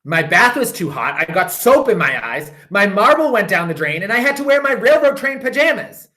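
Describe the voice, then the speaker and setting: A teacher whose voice sits high reads a picture book for young listeners, elongating each repeated phrase with expressive flair.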